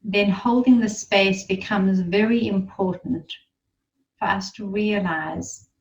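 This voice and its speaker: Gentle instructions and pauses mark this guided meditation, led by a woman in a soothing, unhurried mid-range voice. The recording is lo-fi, picked up from far away.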